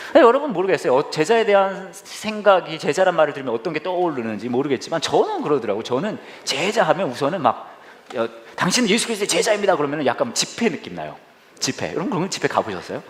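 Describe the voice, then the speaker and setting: A man preaching a casual, humorous sermon, acting out scenes with sound effects and mock shouts in a church. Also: a little high. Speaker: pastor. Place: church sanctuary. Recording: echoey hall, voice somewhat distant.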